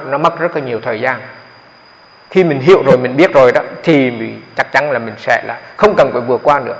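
A man, a Buddhist monk giving a dharma talk on meditation in a conversational, explanatory way, often repeating his words. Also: a little high. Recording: echoey hall, dull lo-fi sound.

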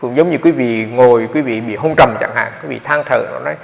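A male monk explains meditation to his students in a loose, talky way, circling back and repeating words as he goes. His voice sits at a middling pitch and carries a long echo from the hall, captured on a dull, lo-fi recording. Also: brisk, gravelly. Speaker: Buddhist monk teaching meditation. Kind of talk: dharma talk to meditators. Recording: echoey hall, dull lo-fi sound.

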